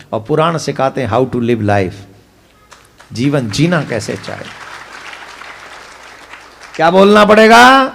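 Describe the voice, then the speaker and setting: A man's voice: a little high, vocal fry, a little hiss or hum. A man preaching a devotional katha sermon, emphatic and full of rhetorical questions to the audience.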